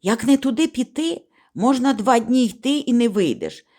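A woman's voice: a little high, expressive, normal speed. Woman doing Yava, a bossy, bold village boy. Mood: urging. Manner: hushed, scolding, bossy.

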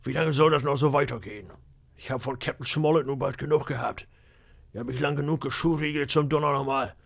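A man voicing a grumbling, impatient pirate boatswain with a gruff, muttering manner. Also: medium pitch, a little fast. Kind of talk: audiobook character voice.

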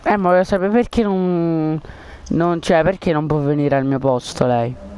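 Rambling man with a smooth, higher voice. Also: normal speed, a little mellow. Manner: rambling, full of fillers and coaxing. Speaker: gaming video creator. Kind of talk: casual gaming chat and prank.

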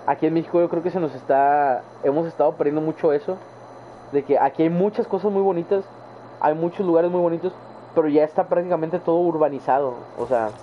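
With a slightly high, brisk voice, a young adult man from northern Mexico, judging by his accent, chats and rambles in slang to the viewers of his live gaming stream. The recording sounds tinny, like a phone, and carries faint background noise.

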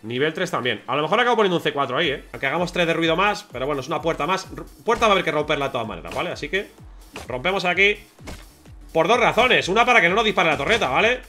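A man with a Spain Spanish accent giving chatty, excitable live gameplay commentary to his viewers. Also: on the high side, very fast, soft background music. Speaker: gaming streamer.

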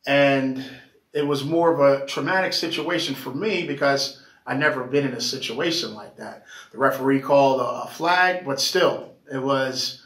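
A man talking earnestly in a casual discussion, halting with many fillers as he recalls an experience. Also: mid-range voice, fairly bright tone. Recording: roomy echo, mic at a distance.

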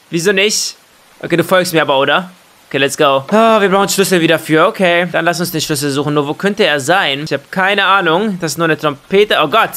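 A young man doing excitable Let's Play commentary, full of exclamations and questions and sprinkled with English slang. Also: on the high side. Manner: mixes English slang into German. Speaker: gaming YouTuber.

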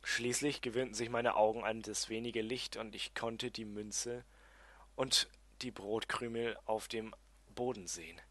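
A man's voice: lowish voice, steady tone, measured pace, a bit bright, no echo. A man reading his own first-person fantasy story as an audiobook, with uneven delivery and some restarts. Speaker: amateur audiobook reader.

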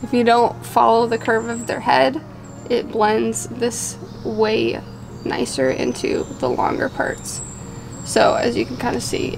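A young woman vlogs from an outdoor deck, casually explaining how she cuts her husband's hair at home and occasionally laughing at herself. Her voice sits on the high side and is creaky, with a noisy background.

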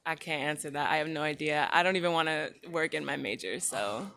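A young university student from Sweden, answering casually in a frank, direct way. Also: female voice, low voice, brisk, vocal fry, over loud music. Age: young adult.

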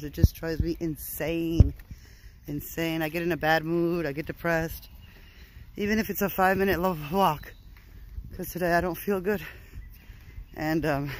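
Brief: high-voiced male vlogger, worn-out and fed up, cursing and sighing outdoors, faint hiss behind him. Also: low-quality recording. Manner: weary, frustrated, sighing, profane, drawn-out phrases. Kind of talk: casual vlog talk. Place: outdoors on a short walk.

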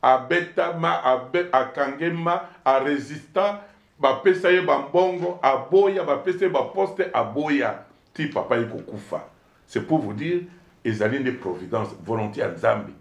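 A man with a Congolese accent, a politician being interviewed, telling his story in an animated, emphatic way and switching between two languages. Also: mid-range voice, measured pace, vocal fry. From Democratic Republic of the Congo. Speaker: politician guest. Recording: echoey room.

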